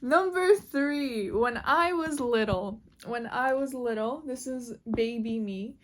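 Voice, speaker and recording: A woman's voice: a little high, slow pace. A woman telling a casual storytime while she draws, chatty and full of fillers, with casual swearing. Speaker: vlogger.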